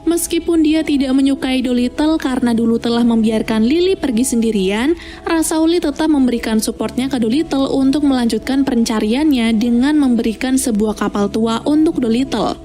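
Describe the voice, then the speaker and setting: High-pitched woman narrating, mellow tone. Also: normal speed, faint music behind. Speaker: narrator of film plot recaps. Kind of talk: scripted storytelling narration.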